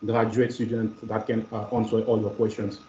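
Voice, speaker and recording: Male voice on a shaky video-call connection, hesitant; dark, dull and echoey. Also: fairly low pitch, completely flat delivery. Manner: hesitant, halting with fillers. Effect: bad video-call connection. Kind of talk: casual video-call chat.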